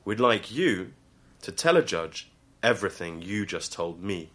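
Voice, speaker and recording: Man as police officer, slow, measured, friendly, lively tone. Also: low voice, pitched above the performer's own voice, full character voice. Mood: calm. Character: tall polite male police officer, calm.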